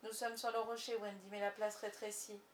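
A woman's voice: mid-range voice, level tone, fairly quick, echoey room, a little hiss or hum, lightly acted. A woman voicing a brave young boy hero in a storybook reading, speaking urgently and earnestly. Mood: grave.

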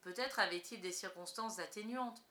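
Bright-voiced woman reading a story. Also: medium pitch, moderate pace. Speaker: narrator. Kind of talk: audiobook reading.

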